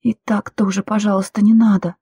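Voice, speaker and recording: A woman voicing a frightened young nurse who pleads in a high, tearful voice. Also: level tone, fairly quick, dark tone, breathy edge, dry recording. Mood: pleading.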